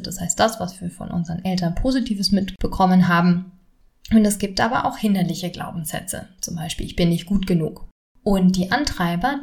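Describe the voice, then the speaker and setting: A woman's voice: on the low side, a little mellow. A woman, hosting a solo podcast on stress and talking straight to the listener in a friendly way. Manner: friendly, addresses listener directly. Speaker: podcast host and stress coach. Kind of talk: solo podcast talk with exercises.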